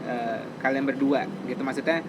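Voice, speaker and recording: A man's voice: medium pitch, level tone, normal speed, background noise. A man hosting a casual interview, playful and teasing, with many fillers. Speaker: interviewer host.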